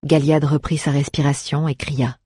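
Audiobook narrator; husky, even, dry close mic. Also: medium pitch, no room sound. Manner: even, measured storytelling. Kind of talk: scripted narration.

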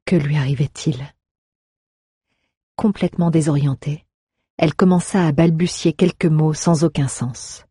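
A woman narrates an audiobook with an expressive, storytelling delivery. Her voice is somewhat husky, and the recording is dry and close. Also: low voice, a little slow, pauses often, no room sound.

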